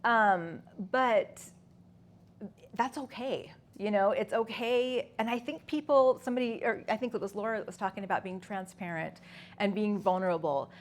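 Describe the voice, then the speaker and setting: A woman's voice: mid-range voice, normal speed. A woman in her fifties speaking at a conference, telling her personal story conversationally with many fillers and restarts. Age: 50s. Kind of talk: personal story talk to an audience.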